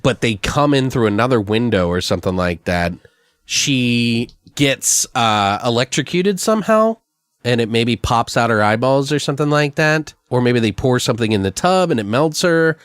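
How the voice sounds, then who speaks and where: In clean studio sound with no room sound, a man co-hosting a podcast riffs on an invented slasher story, rambling and profane in casual comic brainstorming. His voice is mid-range and clean in tone, with lively intonation at normal speed.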